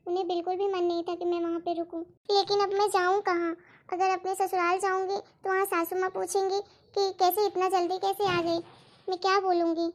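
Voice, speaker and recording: A woman's voice: very high voice, little pitch movement, brisk. A woman voicing an anxious, helpless young married daughter in a family drama story, talking emotionally and pleadingly. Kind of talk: storytelling role-play.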